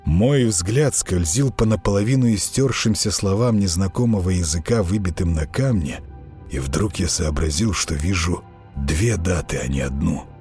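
A man narrating a first-person story in a calm, measured way. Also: low-pitched, faint music behind. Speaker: audiobook narrator.

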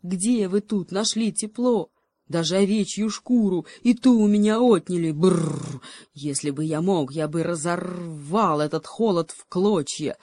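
A woman voicing a boastful, greedy male cheetah who shouts and growls in desperation. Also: low-pitched, a little slow, pauses often, dry recording, studio quality. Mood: desperate shouting.

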